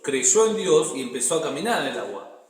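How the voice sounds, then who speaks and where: A man's voice: fairly high pitch, very animated, brisk. A man with an Argentine accent leading a Bible study as pastor, reading scripture aloud and explaining it in a conversational way. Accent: Argentine Spanish. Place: church hall. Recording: echoey hall, reverberant room.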